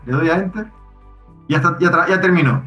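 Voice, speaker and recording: Man explaining software, roomy sound. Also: high voice, quick pace, faint music behind. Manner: relaxed, thinks aloud with restarts. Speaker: software developer guest. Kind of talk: casual explanatory chat.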